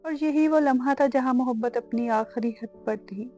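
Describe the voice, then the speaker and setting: A woman narrating an emotional novel in slow, dramatic storytelling. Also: on the high side, a little mellow, faint music behind.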